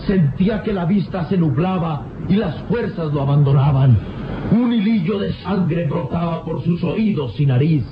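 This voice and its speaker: A man's voice: a little high, expressive, moderate pace, noisy background. A man narrating an old radio show with dramatic storytelling, heard on a dull lo-fi recording. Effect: old radio show sound, dull and lo-fi.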